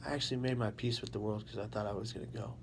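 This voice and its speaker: Man giving deliberate, dramatic personal testimony. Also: lowish voice, steady tone. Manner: deliberate, dramatic storytelling in short phrases with repetition for emphasis. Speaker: interview guest and speaker telling his own survival story. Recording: faint background noise.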